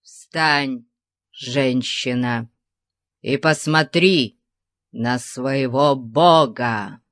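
A woman voicing a cruel, fanatical male tyrant priest who speaks low, slow and menacing. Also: fairly bright tone, no room sound, studio quality, heavily acted.

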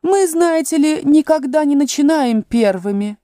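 A woman's voice: high voice, lively intonation, a little slow, dark tone, no room sound, studio quality, voice pushed up. A woman voicing a blunt, condescending talking rose in a storybook reading, snippy in manner. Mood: snide.

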